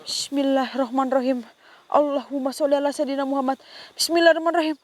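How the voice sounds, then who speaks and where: High-voiced woman ghost-hunting on camera. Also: flat delivery, quick pace, noisy background. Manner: earnest, often stops to pray and exclaim in alarm; frequently addresses a companion directly. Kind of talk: on-location paranormal commentary.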